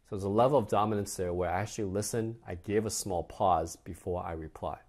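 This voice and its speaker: A man's voice: low voice, fairly quick, a little mellow. A man teaching a dating course lesson in a conversational way, acting out example dialogues. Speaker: dating coach.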